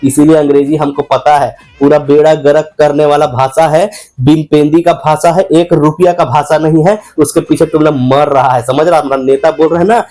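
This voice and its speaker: A man's voice: fairly high pitch, steady tone, moderate pace, mellow, natural voice. A man playing an ignorant, boastful political devotee in a satirical comic monologue, speaking rustic broken with an indignant, mocking manner.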